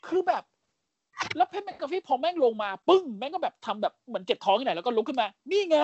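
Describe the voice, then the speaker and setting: A man co-hosting a casual podcast, recapping events as an animated storyteller, full of crude slang and mimicked voices. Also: very high voice, fast, no room sound, muffled recording. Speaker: podcast co-host.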